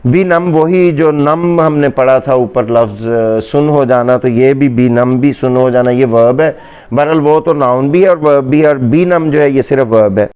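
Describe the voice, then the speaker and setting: A male English teacher giving a pronunciation lesson, saying each word slowly and more than once so it can be heard well. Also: fairly high pitch, darkish tone, clear, resonant tone. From Pakistani Punjab. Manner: slow, deliberate repeating of each word. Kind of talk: pronunciation lesson in Hindi-Urdu.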